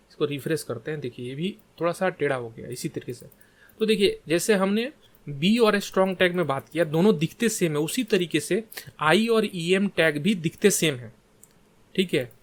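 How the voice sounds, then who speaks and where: A man teaching a screen-share coding lesson in Hindi mixed with English tech terms, often checking in with "ठीक है". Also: high-pitched. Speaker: coding tutor.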